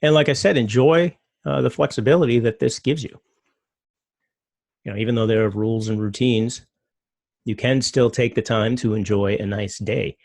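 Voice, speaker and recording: A middle-aged man giving a relaxed talk, loose and rambling, full of fillers. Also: mid-range voice, moderate pace, creaky, dry recording, studio quality. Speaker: presenter. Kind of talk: casual talk with slides.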